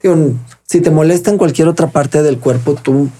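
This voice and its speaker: A man's voice: a little high, normal speed, dark tone, breathy edge. A man speaks earnestly as an interview guest, explaining step by step and acting out quoted dialogue. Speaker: guest expert on child protection.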